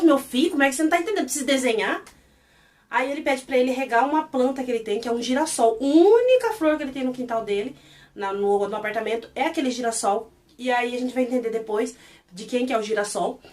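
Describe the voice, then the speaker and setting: A Brazilian woman retelling and reviewing a series in an animated, exasperated, casual way. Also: high voice, recorded from a distance. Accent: Brazilian Portuguese.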